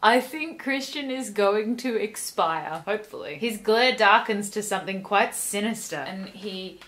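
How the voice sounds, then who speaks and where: A woman's voice: mid-range voice, measured pace, a bit bright. A young woman vlogger reading a novel aloud and breaking in with sardonic, exasperated asides. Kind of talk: reading aloud with sarcastic commentary.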